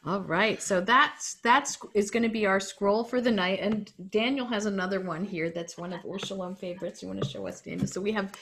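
A woman leads an online service over a video call, guiding things along in a relaxed, informal way. A faint hiss of noise sits under her voice. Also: medium pitch, brisk, vocal fry, hardly any pauses. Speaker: service leader.

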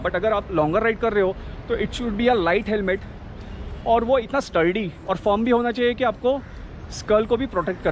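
A man's voice: high voice, lo-fi sound. A man talking through a face mask outdoors, explaining cycling gear in a casual review vlog and mixing in English words. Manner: explanatory, mixes Hindi and English. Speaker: cycling vlogger. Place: outdoors by a city road. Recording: noisy street recording. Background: traffic noise.

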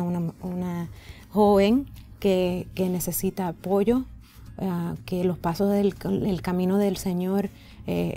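A woman, a native English speaker with American-accented Spanish, answering haltingly in an interview and searching for words. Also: on the low side, warm tone. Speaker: interview guest, singer. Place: indoor radio and TV studio set.

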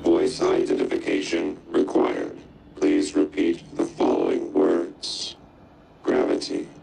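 Stern robotic security lock. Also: male voice, rumbling low, takes it slowly, gravelly, very noisy, full character voice. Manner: flat, clipped prompts. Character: stern male security computer voice. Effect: robotic voice-lock system. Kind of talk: video game voice acting.

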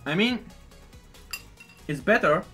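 A man's voice: high voice, animated, takes it slowly, bright, forceful tone, slightly rough, faint music behind. A man hosting a casual cereal taste test, chewing while talking as he thinks aloud with fillers and small self-corrections. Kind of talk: casual food review.

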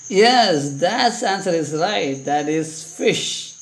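Slow, coaxing Malayali woman teacher. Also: fairly low pitch, animated. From India. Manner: slow, coaxing, asks children questions and praises answers. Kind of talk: online primary school lesson.

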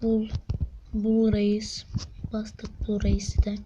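A woman giving excited gameplay commentary, getting frustrated, counting rolls aloud and swinging between whispers and shrieks. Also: medium pitch, slow pace, background noise. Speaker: gaming video creator. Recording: dull lo-fi sound.

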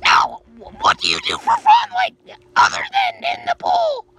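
A performer voicing a manic, self-declared psychopath cartoon monkey in a loud, squeaky, rambling plush toy skit outdoors by a pool. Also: a little slow, full character voice. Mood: excited. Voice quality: squeaky, shrill. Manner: loud, hesitant rambling, shouting. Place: outdoors by a backyard swimming pool. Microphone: handheld phone camera. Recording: noisy outdoor phone recording.

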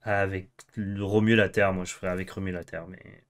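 A man's voice: deep voice, little pitch movement, fairly quick. A young man co-hosting a card game video, bantering and suggesting plays, with the odd swear when frustrated. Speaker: co-host and card game player. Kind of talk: casual gameplay chat.

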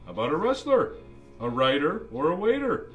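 A man's voice: fairly high pitch, wildly swooping pitch, moderate pace, soft background music. A man playing a jolly old Santa Claus, reading a children's storybook aloud with playful, musing asides to the kids. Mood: jolly, animated. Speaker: storybook reader.

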